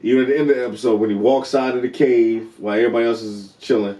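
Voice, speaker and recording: A man's voice: mid-range voice, fairly even intonation, rapid-fire, dark tone. A man co-hosting a TV review show, chatting casually, eagerly talking over his partner and calling him bro. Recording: roomy, distant from the mic.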